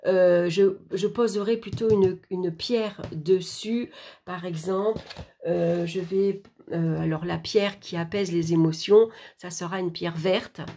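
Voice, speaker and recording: A woman's voice: fairly low pitch, fairly even intonation, slow pace, dark tone. A woman from France casually explaining an oracle card reading, hesitant and chatty, talking straight to the viewer. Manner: hesitant, many fillers and restarts, addresses viewer directly.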